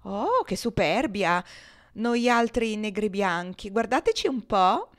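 A woman's voice: medium pitch, big pitch swings, slow. A woman voicing a boisterous, mocking adult male buffoon in an audiobook reading, playful and mimicking.

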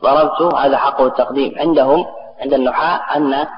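A man's voice: medium pitch, fairly even intonation, fast. A man giving a classroom grammar lesson to students, explaining step by step and putting questions to the class. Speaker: grammar teacher. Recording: echoey, dull lo-fi recording with a crowd behind.

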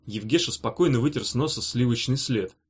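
A man reading a novel aloud in an even, measured narration. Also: mid-range voice, breathy edge. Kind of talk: scripted narration.

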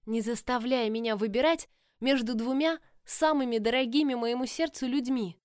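A woman voicing an impulsive, headstrong young woman in love, speaking insistently in a raised, higher voice in an audiobook. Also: normal speed, a little mellow, clean tone, no room sound, studio quality, natural voice.

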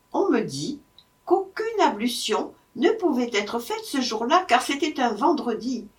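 A woman reading a first-person travel account aloud in a measured, expressive way, recorded slightly off-mic. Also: on the high side, recorded from a distance. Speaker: audiobook reader.

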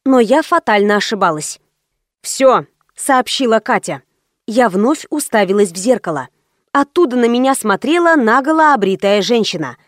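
A woman's voice: on the high side, expressive, moderate pace, no echo, studio quality. A woman narrating a first-person audiobook in a wry, ironic storytelling manner.

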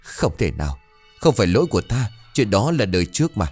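A man's voice: on the low side, sing-song, fast, a little mellow, breathy edge, no room sound, soft background music, exaggerated voice. A man voicing a remorseful old landlord who speaks in a choked, pleading way.

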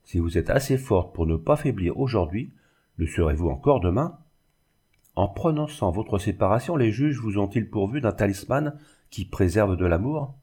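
A man's voice: fairly low pitch, animated, moderate pace, mellow, breathy edge. An older mother, anxious and tender, voiced by a man reading an audiobook, pleading earnestly.

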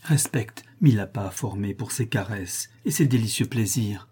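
A man's voice: lowish voice, normal speed, warm tone, slightly rough. A man reading aloud, voicing a young nobleman who pleads with his mistress in flowery words. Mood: pleading.

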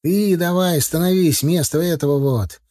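An actor voicing a stubborn, superstitious young male combine operator who shouts and sulks. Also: fairly high pitch, moderate pace, voice pushed up, close to an everyday voice. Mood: sulky, shouting. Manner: sulky, shouting.

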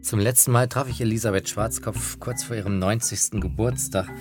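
A man with a low voice reminisces over background music, speaking fairly quickly in a steady tone. He is an interviewer recalling people he once interviewed, in a radio documentary.

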